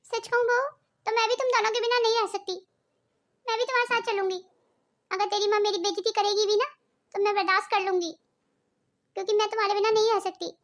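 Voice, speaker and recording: A woman voicing a gentle, humble mother-in-law. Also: very high voice, steady tone, quick pace, long pauses. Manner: soft, reassuring. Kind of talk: cartoon voice acting.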